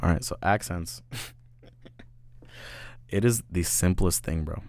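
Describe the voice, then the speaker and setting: A podcast host in his twenties chats casually with a deep, darkish voice, taking it slowly. He's slangy and loose, says "bro" a lot and swears freely, and there's no echo on the recording.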